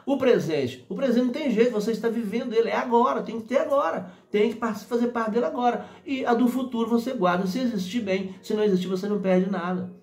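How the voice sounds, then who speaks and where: High-voiced man giving a motivational talk. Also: quick pace, few pauses, darkish tone, reverberant. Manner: acts out quoted voices and laughs often. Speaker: motivational speaker. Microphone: phone selfie camera.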